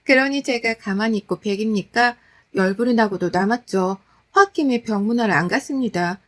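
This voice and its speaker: Woman narrating a family story. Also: a little high. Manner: steady, conversational storytelling with wry exasperation. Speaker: daughter-in-law telling her story.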